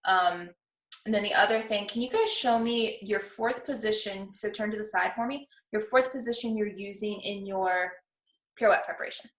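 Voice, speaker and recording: A woman's voice: mid-range voice, normal speed. A woman speaking as a ballet master, teaching a class with encouraging corrections and counted-out steps. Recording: echoey room, distant from the mic.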